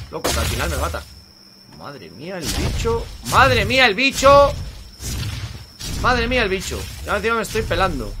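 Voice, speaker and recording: A young man with a Spanish accent from Spain, hosting casual gameplay commentary, swearing often, grumbling at the game and breaking into loud panicked shouts. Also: a little high, noisy background. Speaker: gaming channel host.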